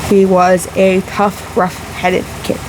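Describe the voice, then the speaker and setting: A woman delivers a casual, emphatic rebuttal vlog responding to a video, her mid-range voice monotone. She sounds sick, emotional, and a little winded, pausing haltingly, while a fan roars in the room of the house.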